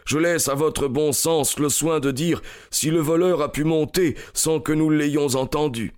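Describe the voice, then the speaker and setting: A man voicing an impatient, indignant older gentleman in a read-aloud story, speaking well above his own pitch. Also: expressive, unhurried. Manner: raised, impatient, protesting. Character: indignant older man, a gruff country squire.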